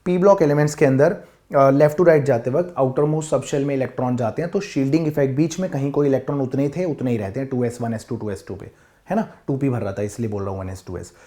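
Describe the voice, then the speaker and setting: A man teaching chemistry to students in a classroom, talking to them directly in a lively lecture. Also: mid-range voice, fast talker. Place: classroom with board.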